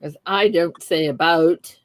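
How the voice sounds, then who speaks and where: With a fairly low pitch and an unhurried pace, a middle-aged woman chats easily with her live-stream viewers, giggling along the way. She's the host and speaks with a Southern Texas accent. The recording is dry.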